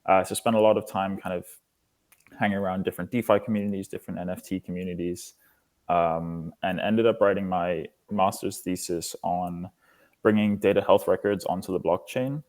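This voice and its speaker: A Singaporean man in his twenties, leading a foundation, explains his work while answering questions as an interview guest. His voice is deep and slightly mellow, with a steady tone at a normal pace.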